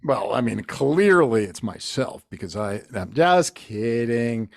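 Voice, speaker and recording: A man's voice: medium pitch, very animated, slow pace, gravelly, no room sound, studio quality. A man co-hosting a casual podcast, joking about himself and rambling a little as he talks. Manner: self-deprecating, jokey, rambling. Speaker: podcast co-host.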